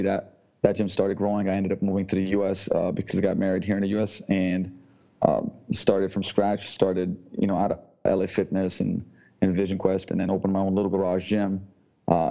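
A man from Slovenia, a gym owner speaking as a podcast guest in a halting way, often repeating words before going on. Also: low-pitched, creaky, warm tone. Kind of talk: casual interview talk. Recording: dull lo-fi audio.

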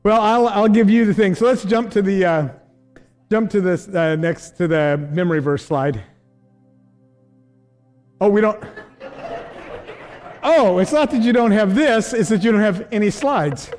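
An older male pastor gives a casual sermon in a church, slightly out of breath. His voice sits high for a man, and he talks in a loose, self-deprecating way. Soft music plays faintly underneath. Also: unhurried, pauses often. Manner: chatty, self-deprecating, laughs often. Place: church sanctuary.

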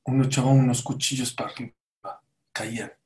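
A man's voice: medium pitch, brisk. A man giving a sermon, telling stories and acting out the voices of the people in them. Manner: animated storyteller, acts out quoted voices. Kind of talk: sermon with storytelling.

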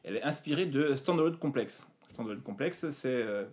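A man presenting retro video games in a casual chat, pausing often with fillers. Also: mid-range voice, lively intonation, darkish tone. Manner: hesitant, many fillers. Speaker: game presenter.

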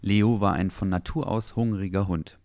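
A man narrating a children's story in a calm, even, gentle manner. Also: low voice, normal speed, dry recording.

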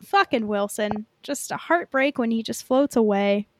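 A young woman's fairly high voice, with lively intonation and normal speed, carries a casual film-review chat on the podcast she co-hosts. She wanders from point to point, saying "like" over and over. No room sound is audible.

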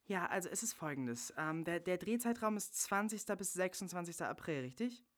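A man reading the part of a soft-spoken, hesitant young woman. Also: lowish voice, expressive, brisk, natural voice. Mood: earnest. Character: gentle, earnest young woman.

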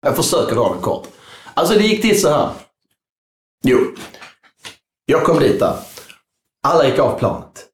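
A man's voice: medium pitch, sing-song, long pauses. Guy rambling through a story, swears a lot, mid voice, echoey room. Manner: swears freely, rambling and loose. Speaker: guest. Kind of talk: casual storytelling.

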